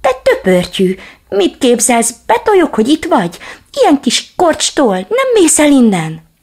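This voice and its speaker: A woman voicing a small, scrappy, frightened puppy in a storybook reading, with a husky, gravelly voice. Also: high-pitched, wildly swooping pitch, a little mellow, pitched above the performer's own voice, full character voice. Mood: yapping angry.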